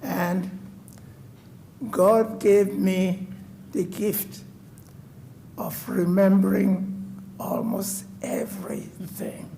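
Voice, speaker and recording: Speaking very slowly with long pauses, a West African man in his nineties gives formal personal testimony to the city's code enforcement board in the council chamber. His voice is high, creaky and warm but flat in delivery, with a little hiss or hum underneath.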